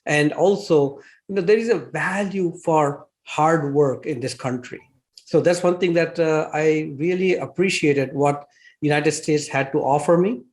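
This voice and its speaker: A man's voice: a little high, a little slow. A man in his sixties with an Indian accent, a guest telling his life story in an interview, chuckling now and then between thoughtful, filler-laden phrases. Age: 60s.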